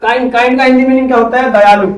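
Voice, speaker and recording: A man's voice: extremely high pitch, fairly even intonation, brisk. A male teacher giving an online coaching class, asking quiz questions and answering them himself. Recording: echoey room, far from mic.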